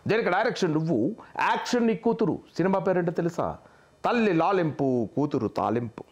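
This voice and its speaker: A man putting on a bouncy comic narrator voice, high and swooping all over the place as he mocks a silly story. The telling is lively and jumpy, full of comic punches. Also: fairly quick, natural voice. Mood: mocking.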